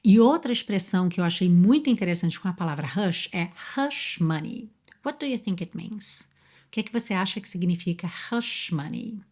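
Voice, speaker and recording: A Brazilian woman teaching an online English lesson, explaining patiently, spelling words out slowly and asking the viewer questions. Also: lowish voice, lively intonation, a little mellow. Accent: Brazilian Portuguese.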